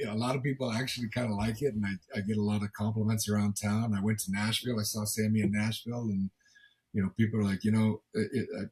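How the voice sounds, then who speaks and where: A middle-aged man with a gravelly smoker's rasp chats casually as a sports interview guest, often repeating words as he goes in a folksy, self-deprecating way. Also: on the low side, poor audio. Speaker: football commentator and former coach, as guest.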